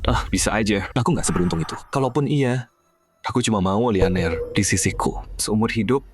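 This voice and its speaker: A man playing a gentle, earnest and devoted young husband in a dubbed fantasy drama. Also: fairly low pitch, brisk, over music, lightly acted.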